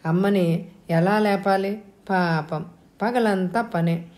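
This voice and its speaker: A woman reading an audio novel, narrating in a calm, measured way. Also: lowish voice. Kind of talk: storybook narration.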